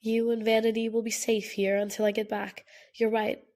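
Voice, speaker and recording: Stubborn protective young man, earnest, gravelly edge, a woman voicing him in an audiobook. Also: a little high, flat delivery, moderate pace, a little mellow, lightly acted. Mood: determined. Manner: insistent, apologetic.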